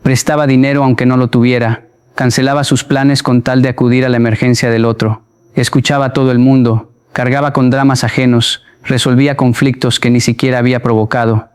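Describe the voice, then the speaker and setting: A man narrating a motivational voice-over in a measured, emphatic way, with short, punchy phrases. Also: medium pitch, flat delivery, smooth.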